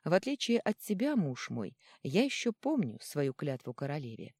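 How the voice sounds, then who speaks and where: A woman voicing a gentle, sorrowful noble mother who speaks softly but firmly. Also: deep voice, very animated, normal speed, breathy edge, no echo, studio quality, heavily acted. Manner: soft and sorrowful.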